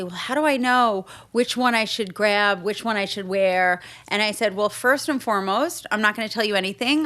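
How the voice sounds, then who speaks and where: A woman's voice: medium pitch, fairly bright tone. A woman co-hosting a podcast and shop, explaining things in an upbeat, casual way. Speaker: podcast co-host and shop owner.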